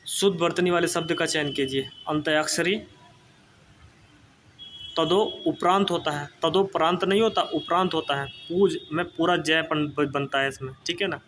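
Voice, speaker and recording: A man's voice: a little high, steady tone, moderate pace, a bit bright, a little hiss or hum. A man running an exam-prep spelling lesson, repeating each word several times and checking in with his students as he goes.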